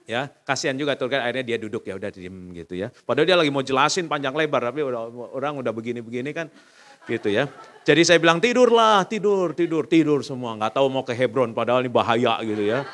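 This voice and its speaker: Indonesian pastor storytelling in a reverberant hall. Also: male voice, fast. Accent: Indonesian, casual Jakarta slang. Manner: storytelling, acts out voices in quotes, animated swings up and down in pitch. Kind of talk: sermon. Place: church hall.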